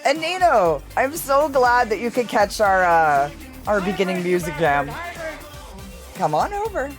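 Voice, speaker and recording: Over music, a woman with a mid-range voice speaks a little slowly, her pitch swinging widely. She hosts a casual livestream in character as a fae, chatting theatrically and affectionately with giggles, calling her listeners darlings.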